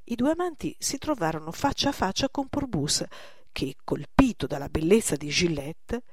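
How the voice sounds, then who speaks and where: Give me a measured woman narrator with a low voice. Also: big pitch swings, slightly rough, dry recording, studio quality. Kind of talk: scripted narration.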